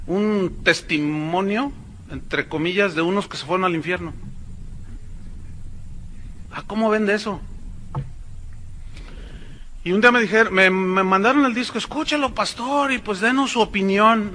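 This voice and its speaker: A man's voice: sits high, sharp tone, a little hiss or hum. A man preaching a sermon as pastor, emphatic and speaking straight to the congregation with sarcastic asides.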